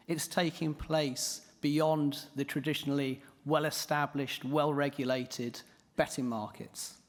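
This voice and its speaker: A man with a hoarse, croaky voice giving a prepared conference presentation. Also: on the high side. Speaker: conference speaker. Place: large echoing indoor hall. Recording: reverberant hall.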